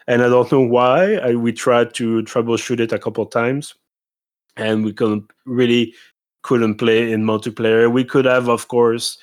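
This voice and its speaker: Halting man chatting on a podcast. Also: medium pitch, flat delivery. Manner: halting, thinks aloud with frequent pauses. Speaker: podcast co-host. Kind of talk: casual chat.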